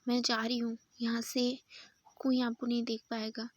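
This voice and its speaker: A woman's voice: fairly high pitch, monotone, moderate pace, no echo, natural voice. A woman voicing a caring, worried young woman in whispered role-play, fussing and insistent.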